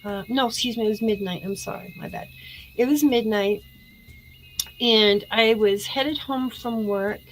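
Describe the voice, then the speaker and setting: A middle-aged woman hosting a casual spiritual live stream, chatty and excitable, swearing casually and drifting away from the mic at times. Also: fairly high pitch, measured pace, a little hiss or hum, poor audio.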